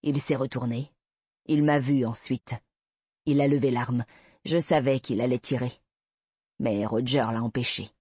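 A man voicing an obsessive, creepy man who slowly confesses to a kidnapping, in a soft, unsettling manner. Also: medium pitch, fairly even intonation, breathy edge, dry recording. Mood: cold recounting. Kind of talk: audiobook reading.

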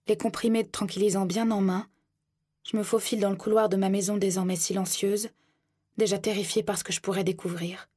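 A woman reading a first-person audiobook in a tense, hushed storytelling manner. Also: mid-range voice, breathy edge. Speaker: narrator.

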